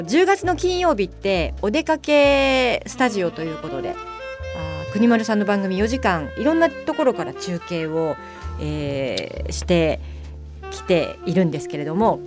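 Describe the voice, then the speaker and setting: A woman hosting a late-night radio talk show as a bar mama. She is chatty and playful, with drawn-out fillers. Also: medium pitch.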